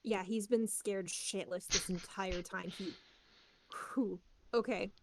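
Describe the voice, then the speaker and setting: A woman's voice: medium pitch, fairly even intonation, takes it slowly, noisy background. A woman player in a tabletop game, chatting casually and eagerly encouraging the others.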